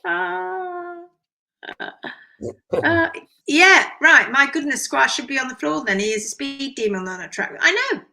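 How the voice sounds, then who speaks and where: A British hoof care teacher reads out viewer comments during a live session, her voice croaky and hoarse from strained vocal cords yet still bright and forceful. Pitched slightly high, she speaks in an animated, emphatic way, tossing in quick asides.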